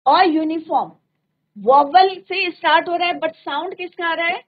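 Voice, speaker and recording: Her voice very high-pitched and her speed normal, a woman runs a grammar lesson in a classroom studio, switching between Hindi and English. She frequently checks that the students are keeping up, and the recording has a phone-like narrow band.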